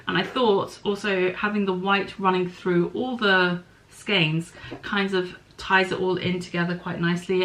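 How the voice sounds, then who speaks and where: With a lowish, slightly bright voice, a middle-aged podcast host talks casually about her knitting and spinning. She muses aloud and pauses to apologise for minor slips, all captured in poor audio quality.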